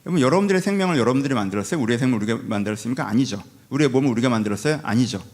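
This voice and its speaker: A man's voice: mid-range voice, animated, very fast, a little mellow. A male pastor giving a conversational sermon, full of rhetorical questions and acted-out retorts. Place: church sanctuary.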